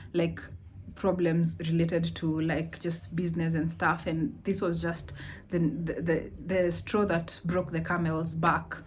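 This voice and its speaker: A young woman with a Kenyan accent talks casually to her camera, spinning a story with lively asides and laughs. Her voice sits a little low for a woman, and she slips easily between English and Swahili. A faint hiss runs under the recording. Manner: animated, mixes Swahili into English, laughs often. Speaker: vlogger, entrepreneur.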